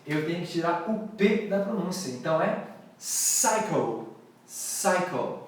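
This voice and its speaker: A Brazilian man whose first language is Portuguese teaches English pronunciation live, playfully repeating words so his students can echo them. His voice is high and fairly quick, captured on a distant mic.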